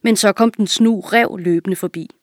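A woman calmly and clearly reading a fable aloud for children. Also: medium pitch, dry recording, clean studio sound. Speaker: reader.

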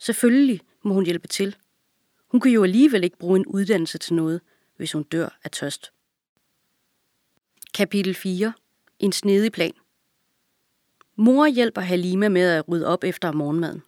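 A woman narrating a children's audiobook in a calm, even storytelling manner. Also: lowish voice, pauses often, no echo, clean studio sound.

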